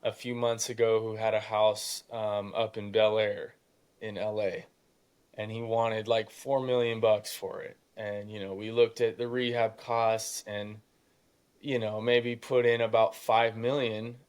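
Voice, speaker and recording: Smooth, fairly low and darkish, with little pitch movement and a somewhat slow pace, this man's youthful voice still cracks at times. At eighteen, he is a young real estate investor on a podcast, telling motivational stories casually and emphatically while acting out imagined dialogue.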